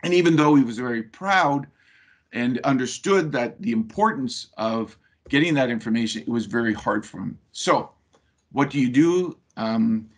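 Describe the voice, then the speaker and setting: A man presents a webinar over a video call, telling a personal story conversationally and using frequent fillers. His voice is medium-pitched with a breathy edge.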